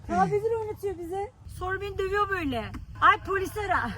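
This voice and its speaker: A very high, bright and piercing woman's voice, whining and complaining in loud casual banter. She snaps insults in frustration while out in public, caught on a handheld camera. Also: fast talker. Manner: whiny, exasperated, yelling insults. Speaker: challenge participant.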